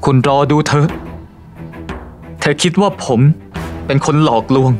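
A man's voice: fairly high pitch, measured pace, over music, close to an everyday voice. An actor playing a persistent male con man who poses as a prince, in a dubbed drama. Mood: defiant. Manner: persistent, challenging, pleading.

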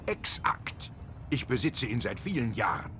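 A man playing a scholarly old male gremlin in a video game, polite, proud and theatrical, with a gravelly voice. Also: medium pitch, sing-song, measured pace, pushed and bright, soft background music. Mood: grateful, proud. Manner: pedantic, theatrical. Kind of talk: video game character acting.

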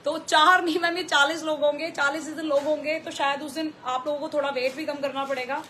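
A woman with a high, bright voice and a Delhi accent hosts a live clothing sale, chatting and repeating her prices. Faint noise from the shop is heard behind her. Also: fairly even intonation, a little fast. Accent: Delhi Hindi with English mixed in. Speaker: clothing store owner selling live. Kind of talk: live sales stream.

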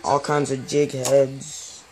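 A man, slowly listing the gear in his tackle box in a low-key late-night chat at home. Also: little pitch movement, a crowd in the background. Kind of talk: casual late-night show-and-tell. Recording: noisy home phone video.

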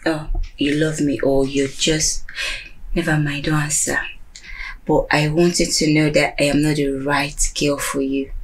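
Tipsy low-voiced Nigerian woman. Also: level tone, measured pace, slight background noise, poor audio. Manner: slurred tipsy drawl with sighs and murmurs. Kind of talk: film drama acting.

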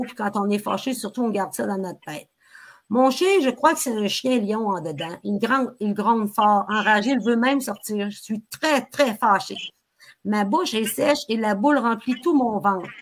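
A woman with a Québécois accent reading her own novel aloud on a live stream, telling it dramatically in a child's first-person voice, with sudden loud pleas. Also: on the high side. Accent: Québécois French.

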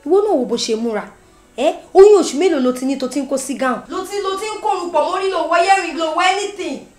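An actress with a Nigerian accent playing a blunt friend who scolds and lectures. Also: female voice, extremely high pitch, rapid-fire. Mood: scolding. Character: blunt young female friend, scolding and bossy. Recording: echoey room.

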